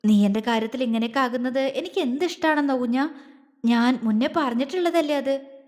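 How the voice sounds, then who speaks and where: A woman voicing a teasing but doting young husband who speaks gently and coaxingly, with a long hall reverb. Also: high voice, fairly quick, close to an everyday voice. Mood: tender concerned.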